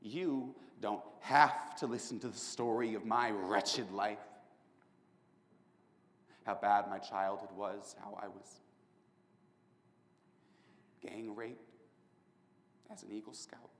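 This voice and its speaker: A man's voice: fairly even intonation, slow, long pauses, a little hiss or hum. A man performing a charming, mocking young serial killer on death row in a competitive prose piece. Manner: sardonic, swinging between loud outbursts and low hushed lines. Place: performance room at a speech competition. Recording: echoey hall reverb.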